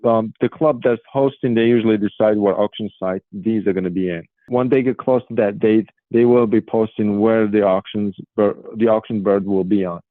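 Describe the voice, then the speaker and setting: A man in his forties from Morocco, giving earnest interview answers with frequent um pauses. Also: lowish voice, fairly even intonation, no room sound. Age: 40s. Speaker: guest, pigeon racing federation official. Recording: tinny phone line, dry.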